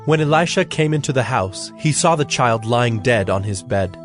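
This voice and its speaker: A man narrating scripture in a measured, even reading voice. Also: mid-range voice, soft background music. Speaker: scripture reader.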